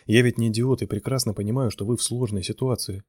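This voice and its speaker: A man's voice: medium pitch, fairly even intonation, quick pace, a little mellow, no room sound, clean studio sound, close to an everyday voice. A male reader voicing a stubborn, exasperated painter who pleads and insists. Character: flustered stubborn male artist.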